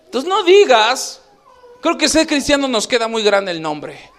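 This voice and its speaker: A male pastor preaching a sermon, animated, acting out little scenes as he goes. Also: extremely high pitch, measured pace. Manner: animated preaching, acts out scenes with shifting voices.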